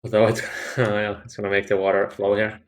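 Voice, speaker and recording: A man chatting casually while building in a game, calmly thinking through plans. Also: on the low side, a little fast. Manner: thoughtful, plans things out calmly. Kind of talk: casual gaming chat.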